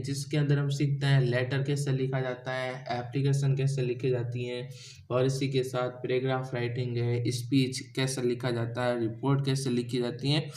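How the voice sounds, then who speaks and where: A man teaching English in a Hindi accent, at an ordinary middle pitch. He keeps throwing questions at his students and answering them himself, like a patient classroom teacher. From India. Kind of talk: classroom lesson explaining grammar and pronunciation.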